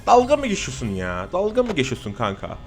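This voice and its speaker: Jokey, excitable streamer man. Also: mid-range voice, quick pace, faint music behind. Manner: jokey, excitable, swears often, talks to the viewers. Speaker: gaming streamer. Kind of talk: casual horror gameplay commentary.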